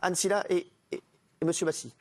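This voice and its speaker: A man hosting a live TV talk show, joking and teasing his guests in a rapid, playful way. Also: high voice, steady tone, crowd noise. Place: TV studio. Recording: live studio audience behind.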